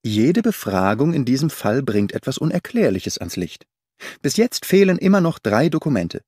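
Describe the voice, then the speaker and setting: A man's voice: medium pitch, very animated, darkish tone, slightly rough, no room sound, studio quality. A man reading a probing Sherlock Holmes. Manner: probing, measured questioning. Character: male Sherlock Holmes, sharp probing detective.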